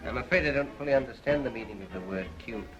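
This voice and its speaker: An actor playing an earnest, reserved young castle owner in a 1930s film. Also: male voice, mid-range voice, fast talker, a bit bright, muffled recording, natural voice. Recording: old film soundtrack with music.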